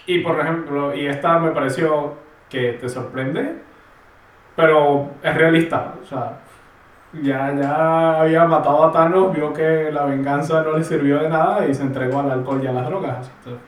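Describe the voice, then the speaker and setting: A man, chatting casually in a relaxed, slangy way. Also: on the high side, normal speed. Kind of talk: casual chat. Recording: roomy and distant from the mic.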